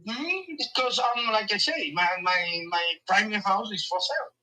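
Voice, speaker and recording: A man's voice: high-pitched, moderate pace, sharp tone. Older man on a distant phone line. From Dominican Republic. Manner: broken English, short firm refusals. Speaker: property seller on a phone call. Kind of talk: casual phone negotiation.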